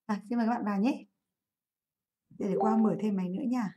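A woman teaching English in a live online class, chatty and quick to correct her own slips, speaking English words. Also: mid-range voice, fairly even intonation, warm tone. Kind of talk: live online class, going over an exam.

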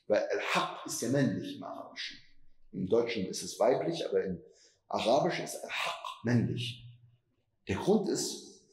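A man's voice: fairly low pitch, reverberant, low-quality recording. A man giving a Quran commentary lecture as imam, asking rhetorical questions and stretching words for emphasis.

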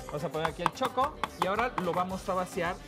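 A man's voice: high-pitched, expressive, fast, music in the background. A man, a chocolatier, giving a patient, instructive cooking demonstration on a TV show. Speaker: chocolatier guest. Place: TV studio kitchen.

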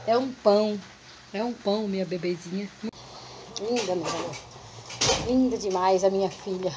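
A woman's voice: mid-range voice, fairly quick, background noise. A woman vlogging casually at home, chatting to her viewers and cooing in baby talk at her puppies.

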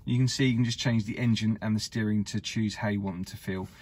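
A man's voice: fairly low pitch, fairly even intonation, quick pace, darkish tone. Upbeat man showing a car. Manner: upbeat salesman patter, filmed while walking. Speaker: car dealer presenting a used car. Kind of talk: walkaround car video. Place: indoor car showroom. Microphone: camera held by the speaker.

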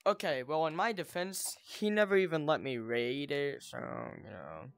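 A man doing casual game commentary as a video host, rambling haltingly and often interrupting himself. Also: a little high, expressive, creaky, no room sound.

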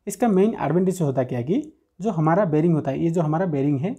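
A man working through technical exam questions in a screen-recorded lesson, reading each question slowly and then explaining the answer step by step. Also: fairly high pitch, expressive, warm tone, breathy edge. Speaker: technical teacher. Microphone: screen recording voice-over.

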